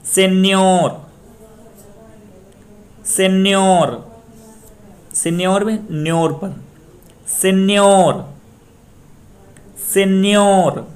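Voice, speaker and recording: A young man from Bihar, India, teaching a Spanish pronunciation lesson, explaining rules plainly and repeating example words loudly with stressed syllables. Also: on the high side. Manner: plain explanatory tone, mixes English terms into speech. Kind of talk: slow screen-share language lesson.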